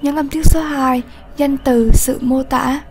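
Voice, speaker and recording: A woman teacher giving a lesson, explaining slowly, patiently and clearly. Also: sits high, steady tone, a little mellow, slight background noise. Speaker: English teacher. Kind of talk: classroom lesson narration.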